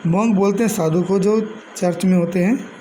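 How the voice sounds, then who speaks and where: A man with an Indian English accent teaching an English grammar lesson in Hindi, reading word pairs out in slow lists. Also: high voice, fairly even intonation, dark tone, slight background noise, rough recording.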